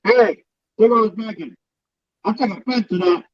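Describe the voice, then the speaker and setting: A man's voice: high voice, moderate pace, no echo. Man sounding muffled, like inside a box. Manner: repeats himself to get heard. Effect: muffled, boxy sound over a bad internet call. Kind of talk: casual chat. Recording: lo-fi remote call audio.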